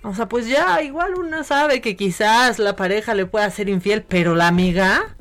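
A woman's voice: medium pitch, normal speed, a bit bright, faint music behind. A Mexican woman co-hosting a casual gossip chat, playful and acting out pet names in mock voices. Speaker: co-host.

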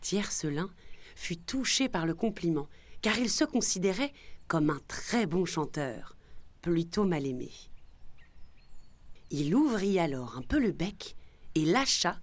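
Slow, expressive woman storyteller. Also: lowish voice, dry recording. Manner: expressive, lively reading. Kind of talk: children's story narration. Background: faint music.

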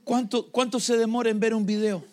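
A man's voice: extremely high pitch, steady tone, fairly quick, a little mellow, slight background noise. A man preaching a sermon, telling stories and speaking to the congregation. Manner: storytelling, addresses the congregation. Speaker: pastor.

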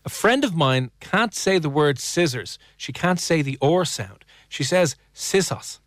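A man's voice: fairly high pitch, animated, a little slow, a bit bright, dry recording, studio quality. An Irish man hosting a radio show, chatting casually and playfully teasing his co-host while reading listener texts. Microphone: studio microphone.

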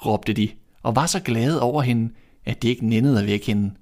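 A man narrating a classic fairy tale in a calm, steady reading voice. His pitch sits in the ordinary middle range for a man. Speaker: reader. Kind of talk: storybook narration.

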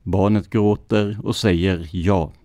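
A man hosting a true crime podcast, reading police records in a measured, scripted narration. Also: low-pitched, steady tone, warm tone, dry recording. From Sweden.

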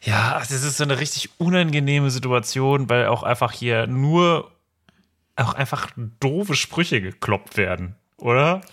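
A man's voice: mid-range voice, a little slow. A man co-hosting a casual, joking chat about a book. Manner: chatty, animated, joking. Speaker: podcast co-host.

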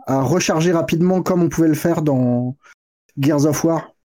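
A man's voice: fairly high pitch, moderate pace, mellow. A man co-hosting a casual chat about video games, explaining things thoughtfully and hedging as he goes. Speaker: podcast co-host.

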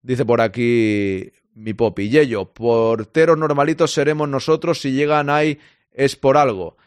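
A man's voice: medium pitch, steady tone, unhurried, clean tone, no echo. A man from Spain hosting a casual live football chat, reading out and answering listener comments.

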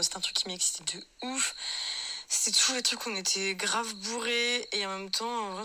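A young woman in her twenties casually recalling school parties, slangy and relaxed with lots of fillers. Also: medium pitch, slight background noise. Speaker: friend recalling school days. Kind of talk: casual recollection.

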